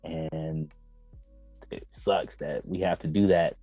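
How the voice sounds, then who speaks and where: With a very deep, warm voice and a steady tone, this American man takes things slowly while hosting a casual entertainment podcast. He's emphatic, opinionated, slangy and profane, and the dull lo-fi recording sounds roomy, with faint music behind him.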